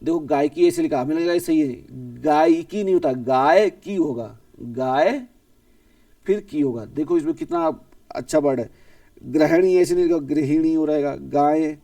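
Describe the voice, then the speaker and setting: A male teacher drills spelling words one by one and corrects each in the same breath. His voice sits a bit high for a man and is set back from the mic in a dry, dead room. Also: creaky, mellow, no echo, far from the mic. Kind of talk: exam-prep spelling lesson.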